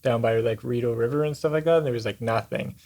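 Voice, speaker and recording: A man at an ordinary middle pitch chats loosely as a podcast guest. He rambles, stringing thoughts together with plenty of "like" and "you know". His delivery is relaxed and unhurried. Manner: relaxed, rambling, many "like" fillers. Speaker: band member guest. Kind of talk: casual podcast chat.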